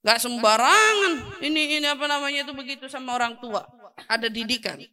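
A high, bright woman preaching with a lilt. She talks casually and playfully, slipping in and out of acted-out quotes and chuckles. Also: fairly quick. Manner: lively, acts out quoted voices, laughs often. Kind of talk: sermon to women.

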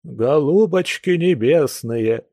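A maudlin drunken old man who begs and preaches in lofty, churchy words, as a male reader puts him on. The voice sits a little higher than usual yet stays mellow and dark in tone, recorded close and completely dry. It suits an audiobook reading. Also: animated, unhurried, no room sound. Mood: drunken pleading. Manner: wailing, churchy pompous phrasing.

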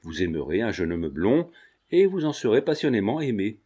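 A man's voice: lowish voice, very animated, moderate pace, dark tone, breathy edge. A man voicing a witty young painter who teases with mock gravity. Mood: teasing. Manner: grave, teasing. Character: mocking young male painter, witty charmer.

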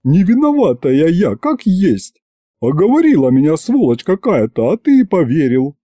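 Male narrator playing shrill, brash old village woman, audiobook, lively, dry sound. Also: normal speed, dry recording. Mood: outraged. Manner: wailing, folksy and indignant. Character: loud brash older village woman, hot-tempered.

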